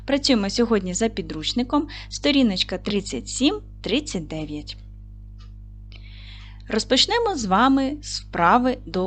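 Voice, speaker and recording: Lively, encouraging woman teacher. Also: mid-range voice. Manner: clear, encouraging classroom delivery. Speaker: primary school teacher. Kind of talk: recorded video lesson for children.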